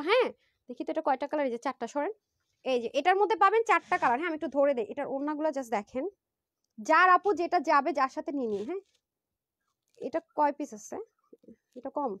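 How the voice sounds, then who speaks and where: A woman selling clothes on a live phone stream, chatty and excited, talking straight to viewers. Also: high-pitched, dry recording. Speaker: online clothing seller.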